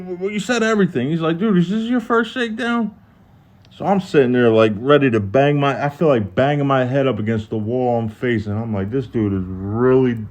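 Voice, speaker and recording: A man with a Philadelphia accent telling a prison story on a live stream, casual and profane, acting out other people's lines in a higher voice. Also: a little mellow.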